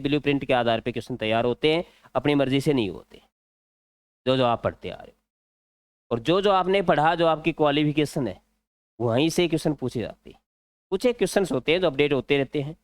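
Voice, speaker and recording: A man with a Rajasthani Hindi accent teaching an exam-prep grammar lesson, explaining slowly and repeating key words. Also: medium pitch, dry recording.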